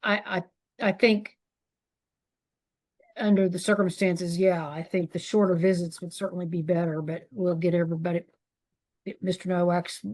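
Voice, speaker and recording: A woman presiding as judge in a courtroom recording, speaking plain procedural language in an informal, halting way. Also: fairly low pitch, darkish tone. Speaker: judge presiding over a hearing. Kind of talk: plain procedural speech from the bench.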